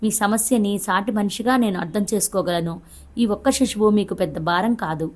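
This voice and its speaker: A woman reading the lines of a calm, sympathetic female doctor in a gentle, measured voice, in a Telugu audiobook. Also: medium pitch, close to an everyday voice. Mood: earnest.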